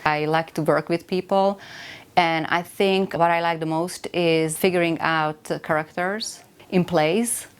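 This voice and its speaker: Low-voiced Hungarian woman teacher. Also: fairly even intonation, smooth. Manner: thoughtful, with many filler pauses. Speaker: theater voice teacher. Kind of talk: interview.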